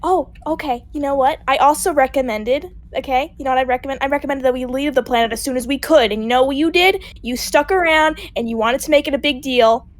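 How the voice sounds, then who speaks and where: A woman's voice: high-pitched, quick pace, few pauses, close to an everyday voice. A woman voicing a bitter, grieving young princess who argues with sarcasm and blame, in a Minecraft roleplay. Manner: sarcastic, accusing, mocking. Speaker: roleplay actor.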